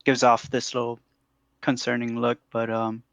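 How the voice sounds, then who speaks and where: A man with a gravelly, mid-pitched voice plays his part in a tabletop game. He describes what his character does in halting, stammering bursts, and the sound is dry and close. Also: completely flat delivery, a bit bright, no echo. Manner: halting, stammering, laughs often. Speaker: player.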